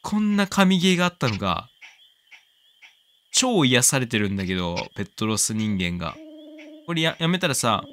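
Man, casual game commentary, animated swooping voice, audible background noise. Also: mid-range voice, moderate pace, long pauses. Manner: excitable, exclaims often, coos at the pet. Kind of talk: casual let's-play commentary.

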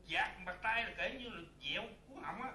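A woman's voice: mid-range voice, animated, a little fast, pushed and bright. A woman playing an exasperated husband and father of many children who bickers with his wife in a comedy sketch. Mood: scolding. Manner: exasperated, sighing "trời ơi" complaints. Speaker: comic actor. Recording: echoey room with noise.

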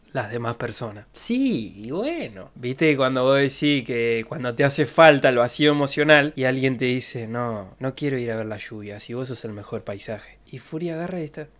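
A young man with an Argentine accent comments on a reality show in casual, excitable reaction talk. His voice sits at an ordinary middle pitch. He is crude and quick to mimic other people, breaking into high squeals. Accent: Argentine Spanish.

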